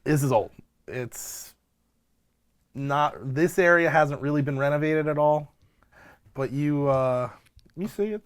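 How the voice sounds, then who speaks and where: A man narrating a tabletop game as game master, improvising in a casual, halting way. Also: on the high side, smooth.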